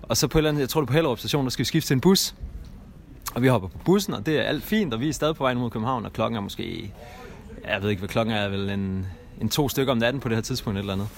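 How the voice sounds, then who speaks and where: A young man telling a long story in a loose, rambling way, full of fillers and restarts. His voice sits at an ordinary middle pitch. Faint noise hums behind him. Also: gravelly. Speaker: guest storyteller. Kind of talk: casual anecdote.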